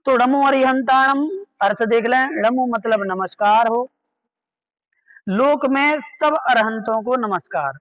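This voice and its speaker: A man's voice: sits high, a bit bright, lo-fi sound. A man teaching an online scripture class, patiently repeating key words and quizzing his listeners. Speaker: religious studies teacher.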